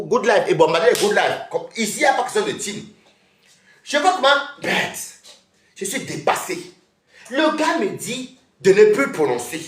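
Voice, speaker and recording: A woman's voice: medium pitch, roomy sound. A woman streaming live from home, scolding and calling out a rival, often laughing mockingly. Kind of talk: heated live-stream rant.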